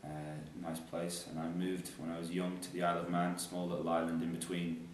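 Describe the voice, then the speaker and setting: A low-voiced Irish man tells his story in a relaxed, joking way. He is recorded from some distance in a very reverberant room. A faint noise runs underneath. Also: fairly quick. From Ireland. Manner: joking, chatty, self-deprecating. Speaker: interview guest, basketball coach. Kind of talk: casual chat. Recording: echoey room, mic far off, faint noise.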